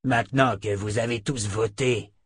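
A man's voice: mid-range voice, steady tone, normal speed, slightly rough, no room sound, studio quality, natural voice. A man voicing a cruel, sneering enemy soldier in an audiobook, mocking and smug. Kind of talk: audiobook character voice.

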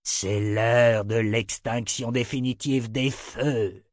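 A man doing a slow, menacing tyrant emperor. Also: mid-range voice, fairly even intonation, no room sound, clean studio sound, lightly acted. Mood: cold. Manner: slow, drawn-out threatening delivery.

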